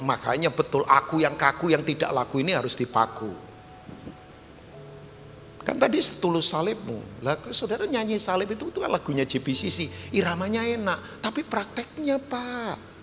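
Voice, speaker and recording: Animated, bright-voiced male preacher. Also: fairly high pitch, normal speed, a little hiss or hum. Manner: animated, emphatic, joking with the congregation. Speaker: pastor. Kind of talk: lively preaching sermon. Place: church hall. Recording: live church hall with long reverb.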